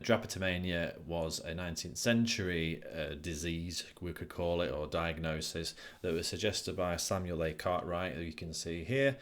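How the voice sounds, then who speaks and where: A therapist giving an informal recorded lecture, talking bluntly and conversationally with frequent ums. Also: male voice, deep voice. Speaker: person-centred therapist.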